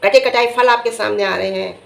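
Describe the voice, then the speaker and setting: A middle-aged woman giving casual vlog commentary, emphatic and scolding, her voice jumping high when she gets indignant. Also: fairly quick, creaky, fairly bright tone. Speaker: vlogger reviewing family vlogs. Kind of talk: casual talking-head commentary.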